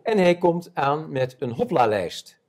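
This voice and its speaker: A man in his seventies, an eyewitness telling his war memories in an interview before an audience, animated and acting out the voices of others. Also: fairly high pitch, unhurried. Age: 70s. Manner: animated storyteller, acts out quoted voices. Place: stage before a live audience.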